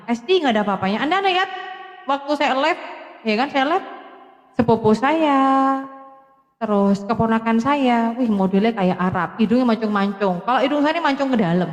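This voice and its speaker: High-voiced woman chatting in an echoey room. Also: lively intonation, moderate pace. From Madura, Indonesia. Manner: chatty, laughs often, answers viewer comments by name. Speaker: live-stream host giving testimony. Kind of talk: casual live-stream chat.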